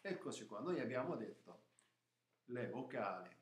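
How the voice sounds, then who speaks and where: A man teaching the alphabet and vowels in an informal lesson, often checking understanding with a quick "ok?" and restarting words. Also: medium pitch, very animated, slight background noise. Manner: repeats "ok?" to check understanding, some false starts. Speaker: Arabic teacher. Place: room, writing on paper at a table. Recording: echoey room, voice somewhat far from mic.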